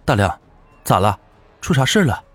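A man voicing a blunt, gruff village man who speaks plainly and bluntly. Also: medium pitch, lively intonation, a little fast, soft background music, pitched above the performer's own voice. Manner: blunt, gruff rural talk. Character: grumpy blunt village man woken at night.

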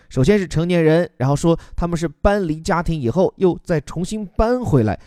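A man's voice: a little high, warm tone, dry recording, clean studio sound. A man who teaches as a podcast host, patiently explaining an English news article word by word with examples.

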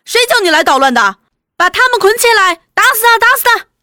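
A woman voicing an angry male village crowd shouting threats in a story. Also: extremely high pitch, big pitch swings, a little fast, dry recording, studio quality, pitched above the performer's own voice, full character voice. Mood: furious.

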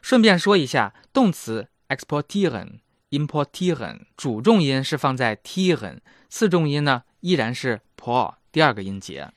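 A man's voice: mid-range voice, sing-song, normal speed, hardly any pauses, no echo, studio quality. A man in his thirties hosting a casual language lesson, chatty and self-mocking. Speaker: German language teacher and host.

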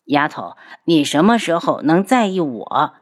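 A woman's voice: sits low, sing-song, unhurried, full character voice. A woman doing a teasing, lovesick young man. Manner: teasing, familiar.

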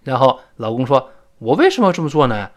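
Lively male English teacher explaining pronunciation. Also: medium pitch. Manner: lively, demonstrates phrases by repeating them slowly. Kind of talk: pronunciation lesson.

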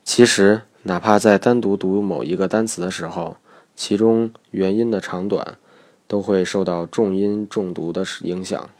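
A man narrating a recorded lesson on English pronunciation in a measured, methodical way. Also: lowish voice, fairly even intonation, a little mellow.

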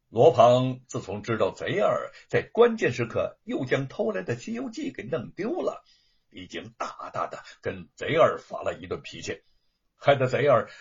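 A man tells a historical tale with slow, expressive storytelling. His voice is husky and breathy, and it sits fairly high with wide swings in pitch. The recording sounds dull and muffled. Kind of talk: dramatic storybook narration.

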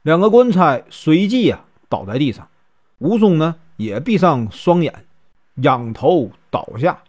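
Male storyteller, Northeastern Mandarin accent, chatty and animated. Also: a little high. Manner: chatty, with many drawn-out fillers. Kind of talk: casual storytelling.

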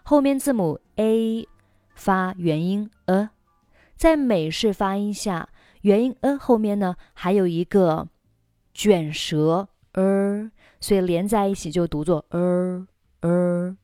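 A woman teaching English in a recorded lesson, explaining slowly and carefully and repeating key words. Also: medium pitch, mellow, no echo, clean studio sound, faint music behind.

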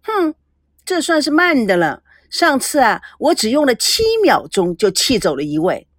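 A woman's voice: a little high, big pitch swings, normal speed, dry recording, clean studio sound. A woman voicing a brash, teasing young woman in an audio story, playful and bossy. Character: brash teasing young Taiwanese woman, cheeky self-styled beauty.

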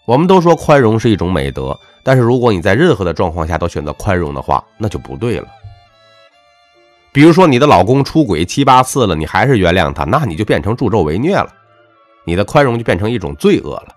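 A deep-voiced man delivers a motivational monologue in a lecturing, emphatic way. His pitch swings widely, jumping up on key words and sinking low at the ends of phrases. The recording is close and dry, with faint music underneath. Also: very animated, fast talker, no room sound. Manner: emphatic, lecturing, swings between punchy highs and dropped low endings. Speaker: self-help speaker. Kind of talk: motivational monologue with personal anecdote.

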